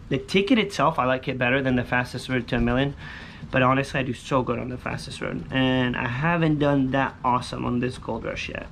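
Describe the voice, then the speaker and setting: Casual man chatting over clear outdoor noise. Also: mid-range voice, fairly bright tone. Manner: repetitive, slangy, hopeful muttering. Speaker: vlogger scratching lottery tickets. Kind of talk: casual chat to viewers. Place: outdoors on a covered poolside patio.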